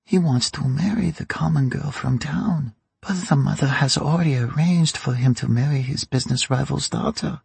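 A man voicing a dry, sly, ruthless old woman who runs a crime family, in a raspy, mocking audiobook voice. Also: medium pitch, normal speed, hardly any pauses, darkish tone, no room sound, pitched above the performer's own voice, full character voice. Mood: gossipy. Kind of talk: audiobook character reading.

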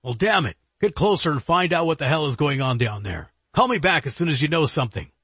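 A gruff bureau director , voiced by a male narrator, barks short, impatient orders in a raised, husky voice. The recording is close and dry. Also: fairly high pitch, moderate pace, no echo, voice pushed up. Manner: curt, impatient.

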